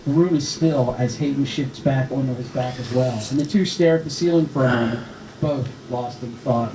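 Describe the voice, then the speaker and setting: Reading the stage directions aloud as narrator, a man speaks at medium pitch and a moderate pace. The setting is a live table read at a film festival, captured in an echoey room with a little background noise.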